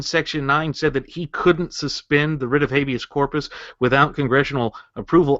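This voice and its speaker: A man's voice: on the high side, a bit bright, no room sound. A man co-hosting a political talk show, arguing his points earnestly and building them with rhetorical questions. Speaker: co-host. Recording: dull muffled lo-fi audio.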